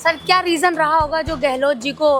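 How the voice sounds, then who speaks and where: A woman's voice: sits high, normal speed, music in the background. A female news reporter introducing a candidate and asking probing questions. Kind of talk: news interview.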